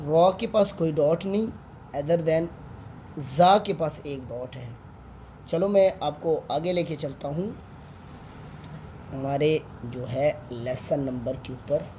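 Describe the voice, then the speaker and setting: A man's voice: on the high side, slow pace, pauses often, mellow, a little hiss or hum. A man with a Pakistani Urdu accent, an online Quran tutor patiently teaching Arabic letters and drawing out each sound.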